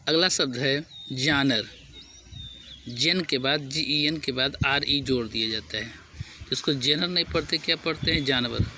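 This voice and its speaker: A man with an Indian accent teaching English pronunciation, repeating each word slowly, spelling it out letter by letter, and asking and answering his own questions. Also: mid-range voice, bright, forceful tone, slight background noise. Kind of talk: spoken vocabulary lesson.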